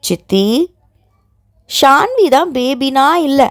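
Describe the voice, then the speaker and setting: Woman doing a loud cheeky little boy. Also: sits high, very animated, slow pace, no echo, studio quality, voice pushed up, full character voice. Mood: excited child. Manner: shouting, boastful childish talk.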